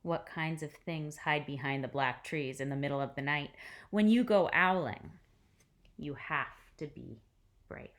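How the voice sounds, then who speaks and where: With a low voice, a woman teacher gives an expressive picture-book reading to children, complete with deliberate pauses and quiet, hushed phrase endings.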